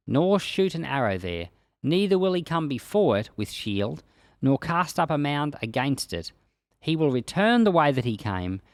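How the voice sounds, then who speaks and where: A pastor who hosts a Bible podcast reads scripture and then offers informal devotional commentary. His medium-pitched voice is recorded dry, and he explains the passage in a plain-spoken way.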